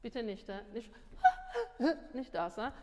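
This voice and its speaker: Animated woman coaching singing. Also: fairly high pitch, takes it slowly, heavy background noise. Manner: animated, repeats words, mixes in English. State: tired. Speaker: singing teacher. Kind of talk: masterclass coaching. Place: music school room. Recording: long room reverb.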